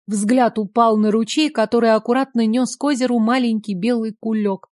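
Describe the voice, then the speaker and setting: A woman reading a first-person story aloud in a lively, confiding storytelling manner. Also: on the high side, moderate pace, no room sound, studio quality. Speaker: story reader. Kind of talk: first-person scripted narration.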